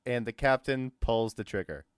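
Male game master: informal, amused, halting improviser with a clean voice and dry recording. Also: mid-range voice, clean tone, dry recording. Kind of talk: improvised tabletop game narration.

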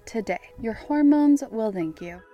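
A woman's voice: a little high, expressive, a little slow, mellow, lo-fi sound, faint music behind. A woman reading a sponsor advertisement in a casual, conversational podcast style.

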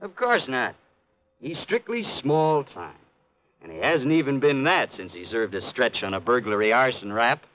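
An actor playing a gruff, bossy police sergeant, a brusque old-time beat cop, in a 1950s radio detective drama. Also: male voice, mid-range voice, sing-song, normal speed, lightly acted. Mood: irritated, lecturing. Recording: dull vintage radio broadcast.

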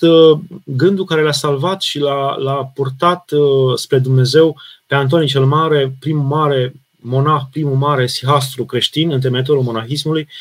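A Romanian priest answering viewers' questions in a live sermon, earnest and emphatic, with frequent restarts and fillers. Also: male voice, fairly high pitch. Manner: reads out viewer questions and answers them plainly.

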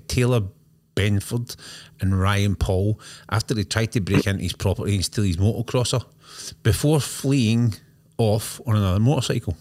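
A man talking casually as co-host of a show. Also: fairly low pitch. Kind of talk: casual conversational chat.

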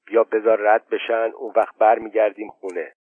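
A man reading aloud voices a calm village man who speaks quietly and steadily. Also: on the low side, no room sound, close to an everyday voice. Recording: thin phone-like sound.

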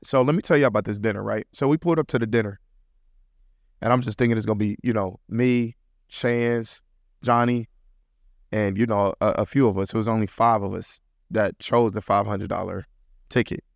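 A man's voice: fairly low pitch, steady tone, moderate pace, gravelly, dry recording. Slangy man preaching hustle, dry sound. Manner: preachy, repeats points, slangy, acts out quotes. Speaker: podcast host. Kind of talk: casual motivational monologue.

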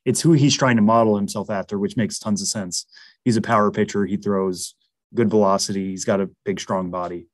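A man's voice: on the low side, steady tone, brisk, no echo. A man with a Massachusetts accent, analyzing baseball prospects in a casual interview, chatty with lots of fillers and restarts.

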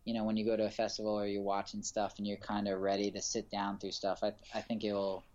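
A man's voice: on the low side, completely flat delivery, quick pace, a little mellow, highs cut off. A man, a filmmaker, chatting casually in an interview, rambling with frequent restarts and fillers. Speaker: filmmaker guest.

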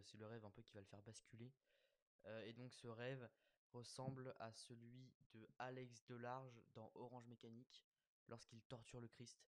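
Young man, middle pitch, hesitant delivery, many fillers, self-mocking, dead room sound. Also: darkish tone, no echo. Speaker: host of an episode-breakdown show. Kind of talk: casual commentary.

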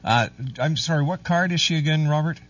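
A man with a husky voice hosting a live radio call-in show in a courteous, formal manner. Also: a little high, a little fast, fairly bright tone. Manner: courteous, formal, calls callers dear. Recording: dull, distant-sounding radio audio.

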